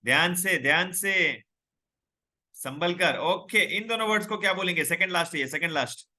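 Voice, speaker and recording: At a moderate pace, a young man with a high voice and a bright, forceful tone leads a live online English lesson. He reads viewers' names and comments aloud while coaxing students to join in.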